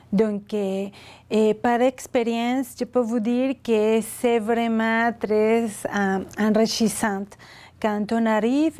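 A woman in her forties, a native Spanish speaker whose French carries a Mexican accent, teaches a beginner language lesson with deliberate, careful enunciation. Her voice sits a little high and sounds warm. She wears a lapel mic on an indoor studio set with a chalkboard.

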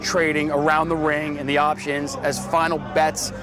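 A man's voice: on the high side, level tone, moderate pace. A man, an options trader, talking bluntly and cynically in a candid interview. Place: busy trading floor. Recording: noisy trading floor, music behind.

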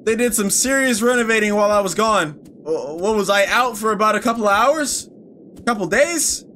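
A man's voice: sits high, animated, normal speed, sharp tone, a little hiss or hum. A young man giving playful horror game commentary as a scared streamer, nervous and mock-cheerful with exaggerated reactions. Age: young adult. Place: small indoor streaming room.

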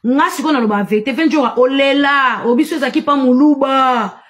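Ranting woman, higher voice. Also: moderate pace, a bit bright. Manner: accusatory, emphatic, mixes French in. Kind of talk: angry ranting monologue.

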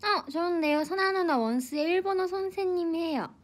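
A woman in her twenties hosts an idol livestream on her phone, reading comments and teasing playfully, breaking into high shouts and laughter, at a slightly fast pace. She leans on a table in a small, bright indoor room, holding the phone close at arm's length.

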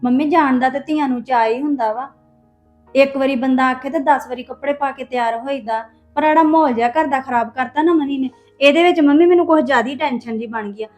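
In an acted family web drama, a young woman plays a hurt, defensive wife who complains and pleads, sounding upset. Her voice is high and darkish in tone, she speaks quickly, the acting is light, and soft music plays behind her.

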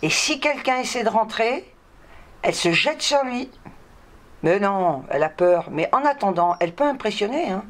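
A woman's voice: mid-range voice, big pitch swings, moderate pace. A French woman vlogging at home, scolding and cooing at her cats in a chatty way and tagging "hein" onto everything. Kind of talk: casual vlog talking to her pets.

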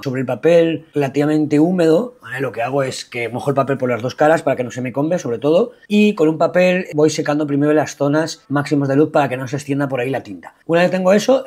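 A man's voice: fairly high pitch, a little mellow, slightly rough. A man with a Peninsular Spanish accent, narrating a painting tutorial as a voice-over in a patient, reassuring way. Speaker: watercolor painting teacher.

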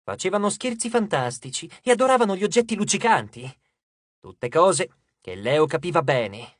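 A man's voice: on the high side, no echo, clean studio sound. A man narrating an audiobook, telling the story expressively. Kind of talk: scripted narration.

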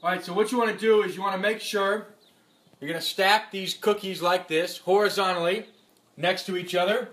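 A man's voice: high voice, fairly even intonation, brisk, fairly bright tone. A young man playing a brash, profane party-boy football star who hosts a spoof cooking show, filmed on a phone in an apartment kitchen. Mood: casual. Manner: cocky, loose and profane. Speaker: comedy cooking host. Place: apartment kitchen and living room. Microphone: phone camera held close.

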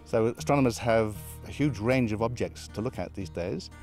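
A man's voice: lowish voice, moderate pace, a little mellow, faint music behind. A man, an astronomy professor answering interview questions in a modest, thoughtful way with small restarts. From Britain. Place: outdoors beside an observatory dome on a hill.

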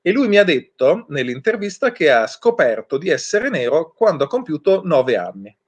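A man, a children's author, reading his own story aloud and chatting playfully, with animated storytelling and chatty asides. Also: a little high, moderate pace, husky. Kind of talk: book reading with casual chat.

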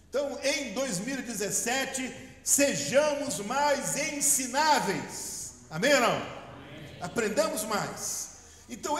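A middle-aged man from Brazil with a Brazilian Portuguese accent, preaching a lively sermon as pastor and leading the congregation in call-and-response. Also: sits high. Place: large church hall. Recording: echoey church hall.

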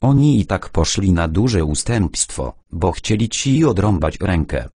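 A man's voice: deep voice, very animated, measured pace, darkish tone, husky, no room sound, studio quality, exaggerated voice. A man voicing a stern male steppe militia leader who bargains bluntly in an audiobook. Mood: bargaining. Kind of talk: audiobook character voice.

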